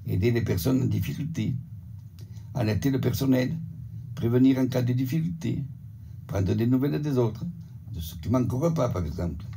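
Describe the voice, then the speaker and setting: An older man from the Montpellier area with a southern French accent, a retirement home resident reading a prepared report in a steady, measured way. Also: mid-range voice, vocal fry, slight background noise. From Montpellier area, southern France. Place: retirement home, sent as a video.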